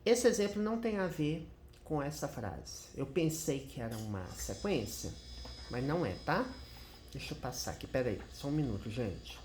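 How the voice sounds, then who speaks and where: A man's voice: medium pitch, big pitch swings, normal speed, darkish tone, slight background noise. A man with a Brazilian Portuguese accent teaching an English grammar lesson on screen, chatty and checking in with his viewers all the time. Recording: roomy echo.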